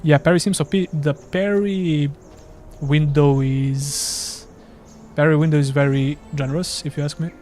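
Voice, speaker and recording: A Serbian gaming streamer with a Serbian accent chats casually and self-deprecatingly while playing live. His voice is a little high and darkish, fairly even in intonation and a little slow, with a bit of hiss or hum.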